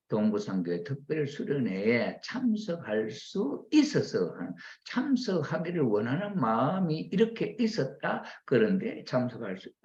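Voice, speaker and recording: A man preaching to his congregation, often acting out lively family dialogue as examples. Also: medium pitch, dull audio. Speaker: church minister. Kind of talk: sermon commenting on members' reports.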